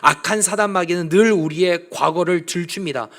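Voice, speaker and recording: A man's voice: high voice, normal speed, fairly bright tone. A man, the pastor, preaching a Sunday sermon, retelling scripture with dramatic quotes and speaking directly to the congregation.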